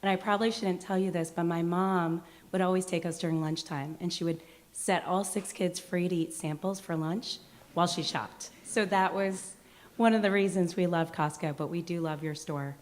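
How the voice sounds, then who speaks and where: A hoarse woman who has lost her voice asks a question from the audience, friendly and a little hesitant. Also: fairly low pitch, steady tone, moderate pace. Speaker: audience member asking a question. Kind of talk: asking a question at a talk.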